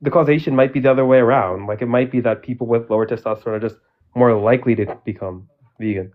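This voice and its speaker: A man's voice: medium pitch, fast talker. A man on a voice call, pressing his questions in an online debate, his voice muffled as if heard through a wall. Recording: muffled, tinny call audio.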